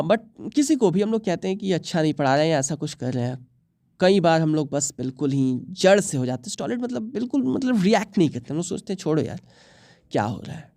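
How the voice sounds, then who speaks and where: A man's voice: fairly high pitch, mellow, no echo, clean studio sound. Hindi-speaking male English teacher. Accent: Indian English. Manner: explains each option, mixing English terms into Hindi. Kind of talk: exam prep lesson.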